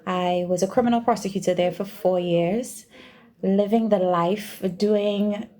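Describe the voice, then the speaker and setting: In a warm, steady, unhurried mid-range voice, this Trinidadian-accented woman from Trinidad and Tobago answers a podcast interview in a conversational way. A doctoral researcher who also teaches at a university, she repeats phrases to emphasize her points.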